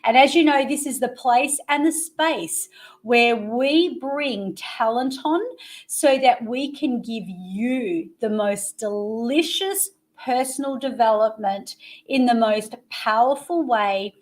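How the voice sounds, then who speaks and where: A woman's voice: on the high side, slow pace. A middle-aged woman hosting an interview show, talking with upbeat, promotional enthusiasm and dramatic emphasis.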